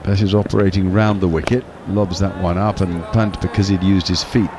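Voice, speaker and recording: Deep-voiced man calling cricket. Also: little pitch movement, noisy background. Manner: measured, explanatory, with small restarts. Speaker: cricket commentator on a watchalong. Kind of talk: ball-by-ball commentary.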